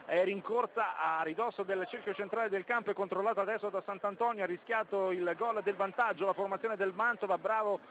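A man's voice: sits high, fairly even intonation, brisk, few pauses. A man giving live radio football commentary, narrating play, score and minutes as the match unfolds. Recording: dull lo-fi radio feed, loud background noise.

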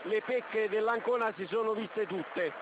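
A man commenting on a live football match on the radio with reflective, measured analysis. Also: high voice. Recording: dull lo-fi radio feed, loud background noise.

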